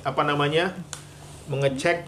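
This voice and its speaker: A man's voice: a little high, normal speed, a little hiss or hum. A man, a psychologist co-hosting a live Q&A on marriage problems, talking earnestly and animatedly. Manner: earnest, animated, acts out quoted wives and husbands. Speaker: psychologist and co-host.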